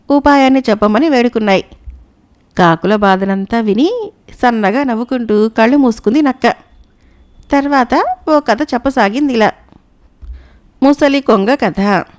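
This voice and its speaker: A woman narrating a moral folk tale in a calm, measured storytelling manner. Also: on the high side.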